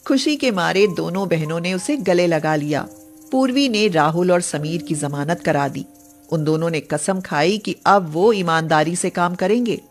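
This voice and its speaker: Calm woman narrating a storybook tale. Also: fairly low pitch, unhurried, soft background music. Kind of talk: scripted narration.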